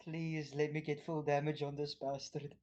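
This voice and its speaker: A player at a tabletop game with a middle-pitched voice. They jump in eagerly to ask about their turn and plead for the best possible roll. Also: level tone, moderate pace, a little mellow, highs cut off. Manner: eager, pleading for big damage rolls.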